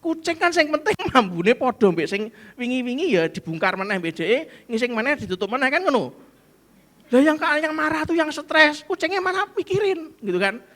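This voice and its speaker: High-voiced Central Javanese pastor, lively. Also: male voice, moderate pace. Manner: lively, jumps into mock-angry Javanese outbursts, asks congregation questions. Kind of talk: sermon. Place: church.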